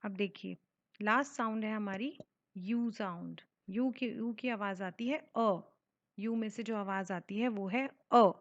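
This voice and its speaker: Woman slowly sounding out phonics. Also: mid-range voice, no room sound. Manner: sounds out words slowly letter by letter. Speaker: teacher. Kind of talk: phonics lesson for children. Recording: dull lo-fi sound.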